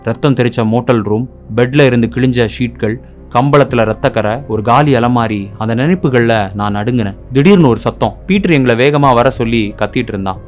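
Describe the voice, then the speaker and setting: A man narrating a horror story in a middle-pitched voice, measured and steady. He tells the events in order and lets them build. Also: faint music behind.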